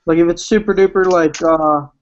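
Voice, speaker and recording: A man's voice: fairly high pitch, fairly even intonation, normal speed. Young man, livestream host, chatty, rambling, fillers, muffled video call sound. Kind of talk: casual chat.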